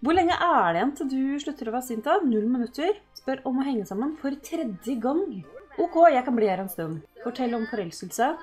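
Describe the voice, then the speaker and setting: A woman giving casual let's-play commentary, excitable and yelping at her game characters. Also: sits high, soft background music. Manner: excitable, yelps and shouts at the characters. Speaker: gaming host.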